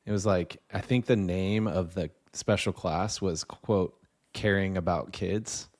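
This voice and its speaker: Deep-voiced joking podcast co-host, a man. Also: fairly even intonation, a little mellow. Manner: quick, joking storyteller. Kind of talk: casual chat.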